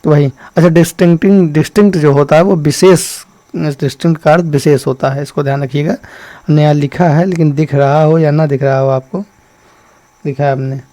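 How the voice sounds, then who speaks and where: A man teaching an exam-prep vocabulary lesson. He explains step by step, checks in often, and reads the English definitions slowly. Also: fairly high pitch, dark tone, no echo. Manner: explains step by step, keeps saying "ṭhīk" to check in.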